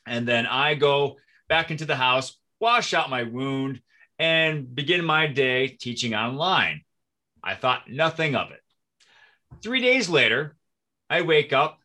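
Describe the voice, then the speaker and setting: A man's voice: medium pitch, bright, forceful tone. A man in his forties from Minnesota, a podcast guest telling his story in casual conversation, chatty and self-deprecating.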